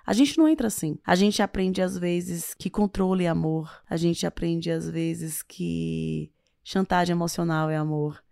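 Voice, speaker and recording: A woman's voice: lowish voice, unhurried, creaky, dry recording, clean studio sound. A woman, an author answering interview questions with advice and leaning hard on key words. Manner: expressive, stressing words as she explains. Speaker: author and guest.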